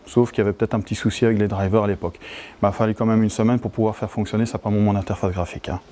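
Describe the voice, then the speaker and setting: A middle-aged Belgian man with a Belgian French accent gives a chatty, self-mocking conference talk in a conference hall. His voice is on the low side and mellow, with a level tone, and he talks very fast.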